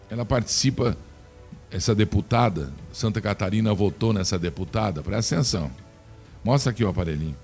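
A man's voice: lowish voice, darkish tone, slightly rough. A man from Brazil giving opinionated political commentary, indignant and scornful, talking straight to his listeners.

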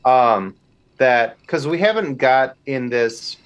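A laid-back man trades theories about superhero films as a podcast co-host, teasing his partner. His voice sits in a middle pitch and comes through a dull, lo-fi recording. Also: animated, slow, a bit bright.

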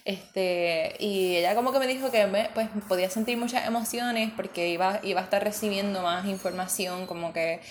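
A woman's voice: mid-range voice, normal speed, hardly any pauses, a little hiss or hum. A woman hosting a casual solo podcast, chatting and slipping English words into her talk. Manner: chatty, mixes in English words, many fillers. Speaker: podcast host and coach.

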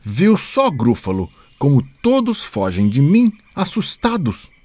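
A man's voice: on the high side, huge pitch swings, a little slow, a little mellow, no room sound, heavily acted. A man reading a storybook aloud and voicing a small, clever, boastful male mouse in a perky, raised voice. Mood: cocky.

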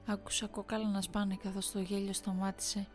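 Woman narrating a creepy first-person story, steady read, faint music behind. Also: mid-range voice. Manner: steady reading, addresses listeners directly.

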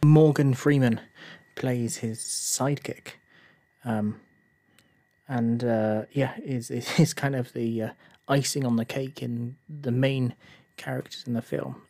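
A man's voice: medium pitch, steady tone, slow pace, gravelly, mellow, no room sound. A man hosting a solo film review podcast, talking casually with frequent hesitations and fillers, sometimes working up into a heated rant. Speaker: podcast host.

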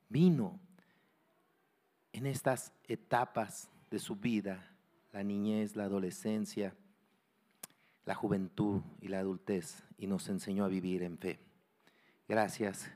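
A man preaching, opening with a soft, slow prayer before telling a story. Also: fairly low pitch. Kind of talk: sermon.

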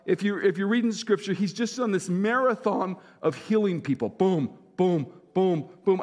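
A man serving as senior pastor, preaching a sermon in a relaxed storytelling way and repeating phrases for emphasis. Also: sits high, long reverb tail.

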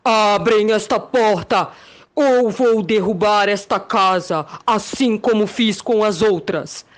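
A Brazilian woman voicing a male big bad wolf, a menacing storybook villain who speaks in deliberate threats. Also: medium pitch, lightly acted. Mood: threatening.

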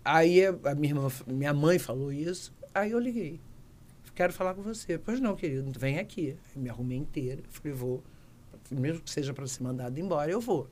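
An older actress being interviewed, telling anecdotes in a lively way and acting out the voices of the people she quotes. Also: low voice, brisk. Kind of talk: casual interview storytelling.

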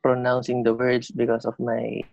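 A man with a slight lisp, a band vocalist chatting as a podcast guest, talking haltingly with many fillers and restarts. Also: mid-range voice, monotone, creaky, darkish tone, no room sound, dull audio. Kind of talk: casual interview chat.

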